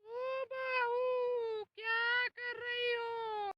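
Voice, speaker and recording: A woman's voice: very high voice, little pitch movement, dull audio, a little hiss or hum, heavily acted. A woman playing a domineering village mother-in-law who gives orders and threatens. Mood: bossy. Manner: bossy, shouting orders, drawn-out calls.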